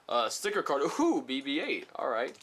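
A man chatting casually while unboxing trading cards, rambling and reading each card title aloud slowly, a little sick. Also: medium pitch, wildly swooping pitch, a bit bright, slight background noise. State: slightly sick. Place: small room at home.

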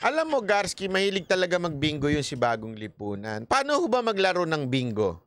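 A man's voice: on the high side, wildly swooping pitch, fairly quick, fairly bright tone. A man hosting a casual political commentary stream, teasing his viewers and laughing often. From Philippines. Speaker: political vlogger host.

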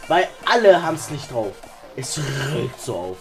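A young man trash-talks over a game in a casual, crude manner. His pitch swings widely as he provokes and often shouts, and clear music plays behind him. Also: sing-song, unhurried. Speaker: gamer, video uploader. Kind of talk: casual gaming chat with trash talk.

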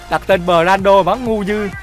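Guy jokin around over his game, cursing a bit, faint music behind. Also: high-pitched. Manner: joking, teasing, swears casually and laughs often. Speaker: gaming channel host. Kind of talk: gameplay commentary.

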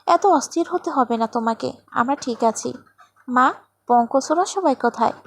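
Calm young woman talking soft n steady, read by a lady storyteller, high voice. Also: normal speed. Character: young woman, calm, firm, gently reasoning.

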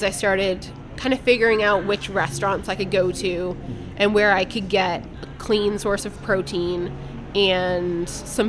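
A woman's voice: mid-range voice, background noise. A woman guest on a podcast, telling a personal story in a candid, blunt way and swearing casually. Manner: candid, blunt, speaks her mind.

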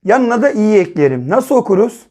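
A primary school teacher giving an early reading lesson to children, sounding out syllables slowly and repeating each word several times with frequent check-in questions. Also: mid-range voice, sing-song, warm tone.

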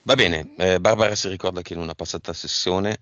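A man leading an esoteric hypnosis session, asking brisk, directive questions. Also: low voice, steady tone, a bit bright, dry recording. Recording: dull lo-fi sound.

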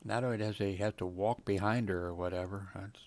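A video blogger in his seventies reads web pages aloud at his home computer, meandering into casual asides full of fillers that trail off. His voice is deep and a little mellow, and he keeps a steady tone at a slightly fast pace.

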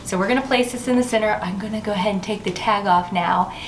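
A woman in her forties runs a chatty home decor vlog, walking through a table setting in her dining room as a camera faces her from across the table. She's bubbly and self-teasing in this casual how-to, speaking quickly in a mid-range voice over a slight hiss or hum.

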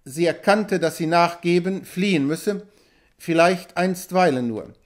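A clever frontier hunter from an adventure audiobook, read by a man, who lays out his thoughts calmly and in a measured way. His voice sits a little high. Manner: calm, measured reasoning.

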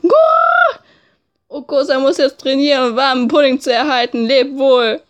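A woman voicing a furious, pompous male pigeon from a video game, with cooing shouts and grandiose talk of himself in the third person. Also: sits high, fairly even intonation, a little fast, natural voice. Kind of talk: video game character voice in a let's play.

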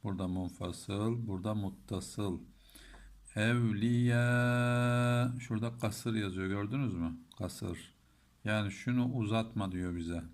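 In a patient lesson, a man with a Turkish accent teaches the rules of Quran recitation, chanting verses slowly and splitting words apart to explain them. His voice sits on the low side and sounds a little mellow.

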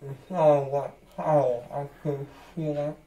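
A teenage boy speaks as he comes around from anesthesia, groggy and dazed. His words drag slowly and slur as if through a numb, stuffed mouth. The tone is dark and relaxed, and his talk rambles. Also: fairly high pitch, rough recording. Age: teens. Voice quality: slurred, mumbling through gauze and numb lips. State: groggy from anesthesia after wisdom tooth removal. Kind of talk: casual chat. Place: small recovery room, indoors. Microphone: handheld phone a few feet away.

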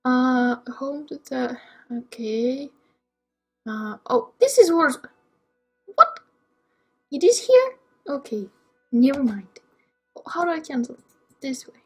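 Soft music plays behind a young woman casually commenting on her gameplay, her high, slightly rough voice expressive as she takes it slowly with long pauses. She rambles and talks to herself, dropping frequent ums.

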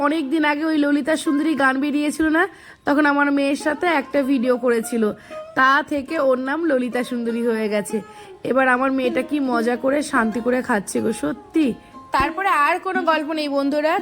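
A middle-aged woman with a hoarse voice, chatting to viewers in a casual home vlog. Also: high-pitched, fairly even intonation, fast talker, faint music behind. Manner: chatty, addresses viewers directly. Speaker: vlogger. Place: family home, in and out of doors.

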